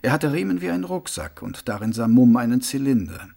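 A man reading an audiobook as its narrator, in measured, quiet scripted narration. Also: mid-range voice, sing-song, gravelly.

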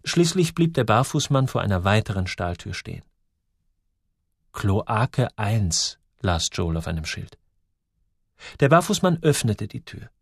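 A man narrating an audiobook in an expressive reading voice. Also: fairly low pitch, normal speed, gravelly, husky, no room sound, studio quality.

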